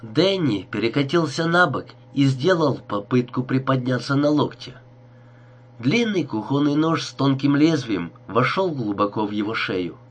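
A man's voice: mid-range voice, breathy edge. A man narrating a crime story audiobook in a tense, dramatic reading.

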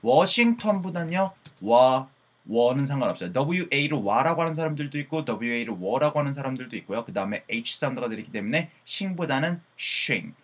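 A man who teaches English pronunciation in an online lesson. He asks questions and answers them himself, and he drills words slowly, repeating each one. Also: mid-range voice, lively intonation.

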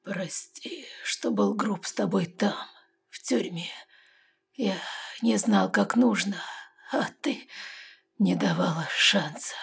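A woman voicing a weak, dying tiger-shifter man who speaks in a faint, halting whisper. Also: medium pitch, creaky, slightly rough, heavily acted.

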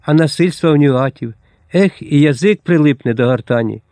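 Старий ігумен, якого озвучує читець, промовляє урочисто, як на проповіді, з піднесеним тоном. Звук сухий і близький. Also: male voice, a little high, moderate pace, warm tone, dry recording, natural voice. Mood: solemn. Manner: solemn, preaching. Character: elderly male abbot, solemn and preaching.

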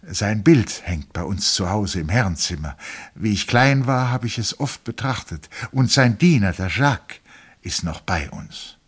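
Earnest young lieutenant, plain and reserved, read by a man, low husky voice. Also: expressive, a little slow.

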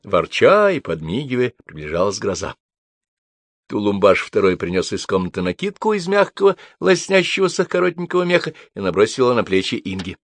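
A man reads a story aloud in an even, measured narration. His voice is low, and the sound is dry and close, with no room around it. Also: no room sound. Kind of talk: scripted narration.

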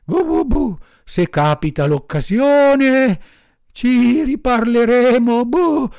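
A man's voice: very high-pitched, lively intonation, takes it slowly, vocal fry, darkish tone, no room sound, studio quality, pitched above the performer's own voice, heavily acted. A man voicing a panicked male mastiff dog who barks and stammers through his words. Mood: grateful. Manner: barking stammer, pleading wail.

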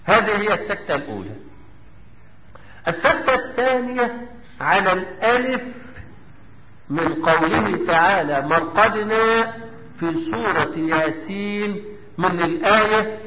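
A man's voice: high voice, animated, moderate pace, long pauses, long reverb tail, muffled recording, slight background noise. A man with an Egyptian Arabic accent teaching a tajweed lesson, quizzing the class and answering his own questions. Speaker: Quran recitation teacher. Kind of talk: tajweed lesson with chanted recitation.

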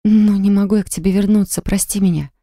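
A woman's voice: mid-range voice, fast, dry recording, clean studio sound, natural voice. A woman reading as a hurt, firm young wife. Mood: sad firm. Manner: quiet, sad and steady.

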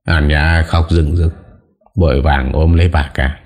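A male narrator with an extremely low voice reads a dramatic audiobook tale. His delivery is steady and scripted. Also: a little slow.

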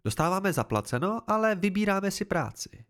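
A man's voice: sits high, sing-song, fairly bright tone, voice pushed up. A man voicing a stern, confident woman who teaches swordcraft, blunt and instructive in an amateur audiobook reading.

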